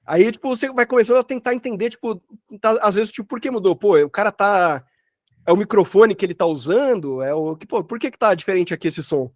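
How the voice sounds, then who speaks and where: Teaching an online workshop from his workspace, this Brazilian man, a sound designer, has a high, expressive voice and a brisk pace. His colloquial explanations wander as he thinks out loud and keeps rephrasing. There's no room sound, and the audio is clean like a studio's.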